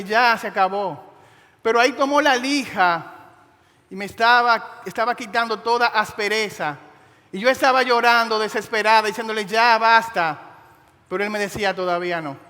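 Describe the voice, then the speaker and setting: High-voiced impassioned preacher man in a hall. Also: pushed and bright. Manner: impassioned, dramatic storytelling with slow emphatic phrases. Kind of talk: sermon.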